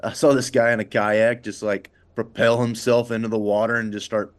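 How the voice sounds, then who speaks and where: A man's voice: lowish voice, little pitch movement, normal speed. A man in a casual chat, laid-back and hesitant, with lots of fillers. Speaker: baseball pitcher guest.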